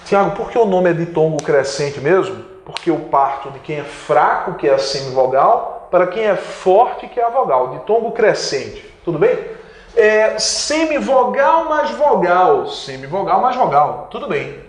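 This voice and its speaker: Speaking unhurriedly in a high voice with big pitch swings, a Brazilian-accented man leads an online exam-prep grammar class in a reverberant space. He stresses points emphatically, draws out important words, and answers the questions he poses.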